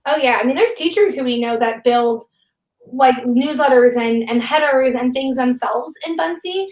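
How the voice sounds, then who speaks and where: Woman, high voice, chatty teacher, rambling, echoey room. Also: moderate pace, a little mellow. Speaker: teacher and guest. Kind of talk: casual live webinar chat.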